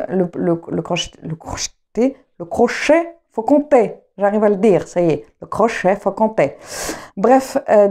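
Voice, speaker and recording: A woman's voice: mid-range voice, vocal fry, dark tone. A young adult woman from France chatting casually to camera, rambling with many fillers and restarts. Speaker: knitting vlogger and trumpet player.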